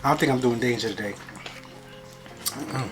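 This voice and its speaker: Woman mukbang host, low register, talks while chewing, playful slangy delivery, faint music underneath. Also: normal speed. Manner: playful, repeats phrases, informal slangy speech. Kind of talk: casual eating-show chat to viewers.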